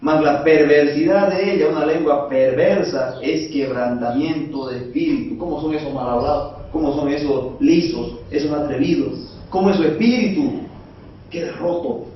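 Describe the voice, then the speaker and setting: A man's voice: a little high, moderate pace, a little hiss or hum. A male preacher, giving a conversational sermon and asking the congregation rhetorical questions. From Bolivia. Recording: echoey, dull sound from far off.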